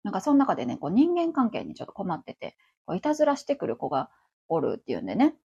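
A woman's voice: mid-range voice, wildly swooping pitch, quick pace, vocal fry, darkish tone, breathy edge, highs cut off. A woman around forty with a Kansai accent, chatting on her own as host of a livestream radio show, rambling along with many fillers. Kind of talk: casual solo chat.

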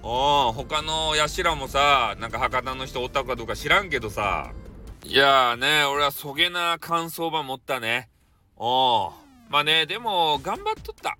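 A man with a Hakata dialect accent chatting casually on his own stream, teasing and jumping in pitch. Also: animated, sharp tone, soft background music. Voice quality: teasing, jumpy pitch, drawn-out dialect vowels. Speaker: audio streamer. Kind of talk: casual chat monologue.

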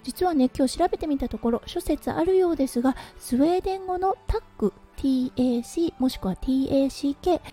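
A woman's voice: high voice, a little fast, few pauses, warm tone. A Japanese woman hosting a casual solo audio show, chatty with frequent little fillers, faint music behind. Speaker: podcast host. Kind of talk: casual solo radio talk.

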